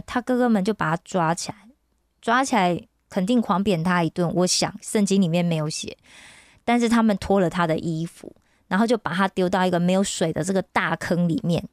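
A woman telling a Bible story for young listeners on the radio, animated and constantly asking her audience questions. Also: medium pitch, no echo, studio quality. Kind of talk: lively Bible storytelling for youth.

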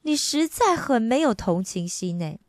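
A woman's voice: on the high side, sing-song, moderate pace, dry recording. Woman reader doing a dying man, anxious and pleading, in a dry close voice. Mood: anguished. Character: gravely ill man pleading to be saved.

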